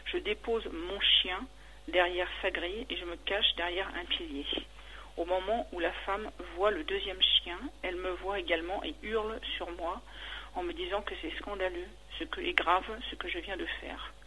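Woman caller on a radio call-in, crisp bright tone, narrates evenly, falters under questions. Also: fairly low pitch, a little hiss or hum, rough recording. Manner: halting and hesitant when answering; steady retelling of a dream. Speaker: caller describing a dream.

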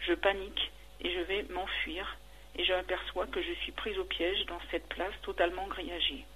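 Bright-voiced woman caller recounting a dream. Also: lowish voice, a little hiss or hum, rough recording. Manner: halting and hesitant when answering; steady retelling of a dream. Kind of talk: radio call-in.

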